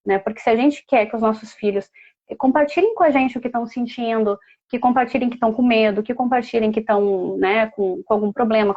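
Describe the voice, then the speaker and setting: A woman's voice: a little high, a little mellow, dull audio. A mother speaking as a guest, telling a personal story in a heartfelt, casual way with many fillers.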